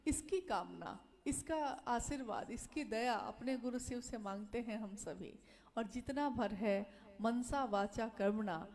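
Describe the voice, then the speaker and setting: Woman, high voice, devotional sermon, earnest, exhorting, repeats phrases. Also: a little mellow. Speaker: religious speaker.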